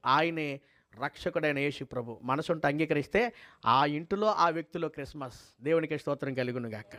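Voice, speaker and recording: A man preaching a sermon and leading a prayer. He fires rhetorical questions at the congregation, repeats words for emphasis, and swings fervently between high and low tones. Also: fairly bright tone.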